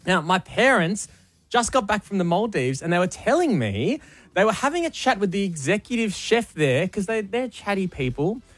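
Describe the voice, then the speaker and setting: Male co-host, high voice, excited anecdote, dry studio. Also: moderate pace, no echo, soft background music. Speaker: radio co-host. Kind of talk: casual radio chat.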